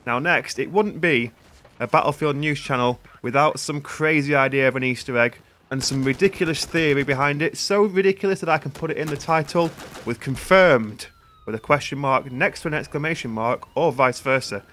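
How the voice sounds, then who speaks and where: A man's voice: fairly high pitch, moderate pace, a bit bright. A British man doing sarcastic, mock-serious parody news anchor commentary for a gaming channel. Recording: gunfire and game noise behind voice. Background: video game gunfire.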